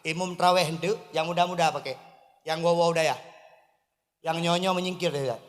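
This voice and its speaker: A man from Aceh preaching a humorous sermon to a crowd in a mosque courtyard, speaking with an Acehnese accent and swinging between low asides and loud emphatic calls. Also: fairly even intonation, normal speed, in a large hall. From Aceh, Indonesia.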